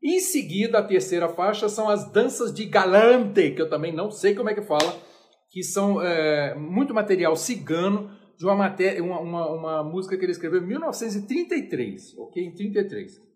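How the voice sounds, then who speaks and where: A man's voice: high voice, expressive, a little fast, a little mellow. A Brazilian man giving a chatty, informal music lecture. He is self-deprecating and sings note names aloud. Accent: Brazilian Portuguese.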